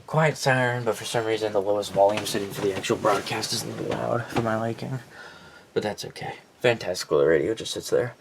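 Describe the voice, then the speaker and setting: Here a man with a fairly low pitch talks briskly while presenting his weather radio collection. He's off the cuff and blunt, wandering and fixing his own slips, with clear background noise behind him.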